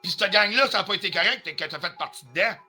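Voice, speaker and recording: A man's voice: high voice, fast, bright, forceful tone, breathy edge, soft background music. A man with a Quebec French accent ranting on a live stream, confrontational and heated, swearing often and dropping in English phrases. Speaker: livestreamer.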